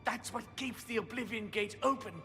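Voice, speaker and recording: A frightened prisoner in a video game pleads with the hero to hurry. His voice is very high and bright, with long reverb behind it. He sounds faint and far off beneath the game's music. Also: steady tone, normal speed. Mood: urgent. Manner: urgent, pleading. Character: frightened male prisoner urging a hero onward. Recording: game audio heard faintly under the player's talk.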